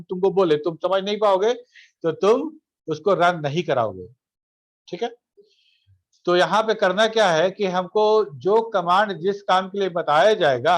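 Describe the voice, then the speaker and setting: Casting: middle-aged lecturer, male, high voice, chatty teaching tone, keeps asking the class if they follow. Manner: conversational, repeats phrases, asks students questions. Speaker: college lecturer.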